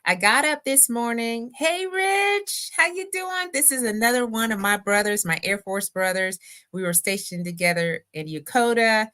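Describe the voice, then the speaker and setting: A woman's voice: on the high side, expressive, normal speed, sharp tone. A woman in her fifties hosting her own talk show from home on a webcam, exuberant and chatty as she greets viewers by name. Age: 50s. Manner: exuberant, chatty, reads viewer comments aloud. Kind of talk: livestream birthday talk show. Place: home room with book display.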